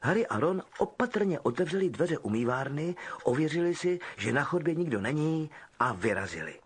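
A man narrating an audiobook with expressive storytelling. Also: fairly high pitch, slightly rough. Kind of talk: scripted narration.

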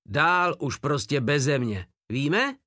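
Male reader as a boisterous, cynical deserter corporal; high and loud. Audiobook. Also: animated, dry recording, studio quality.

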